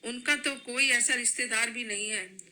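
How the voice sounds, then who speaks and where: A woman's voice: a little high, moderate pace, bright, forceful tone, low-quality recording. A woman storyteller voicing a young husband caught between his wife and his mother, scolding and pleading. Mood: stern.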